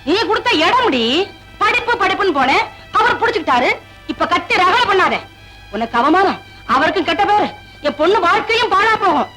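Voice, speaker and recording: A woman's voice: very high voice, sing-song, a little fast, sharp tone, full character voice, poor audio. An actress playing a harsh, scheming middle-aged mother who scolds her daughter-in-law. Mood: scolding. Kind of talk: 1980s Tamil film acting. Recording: film soundtrack with music behind.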